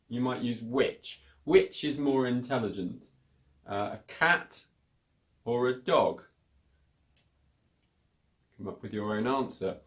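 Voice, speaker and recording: A male English teacher from the United Kingdom walks beginners through a grammar lesson. He talks at an unhurried, measured pace, repeating key words so learners can follow along. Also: medium pitch.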